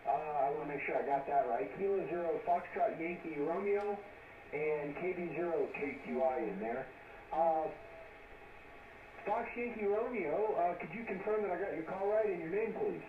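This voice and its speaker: A man's voice: fairly high pitch, moderate pace. A man running an amateur radio net as net control, talking easygoing and chatty with many fillers, heard through a ham radio receiver with static. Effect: heard over a ham radio receiver with static. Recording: distant, muffled radio with loud static and echo.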